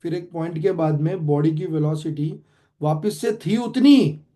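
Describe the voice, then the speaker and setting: A man with an Indian accent teaching physics online, quizzing students with quick questions and switching between Hindi and English. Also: fairly high pitch, animated, warm tone. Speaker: physics tutor. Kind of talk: online classroom lecture.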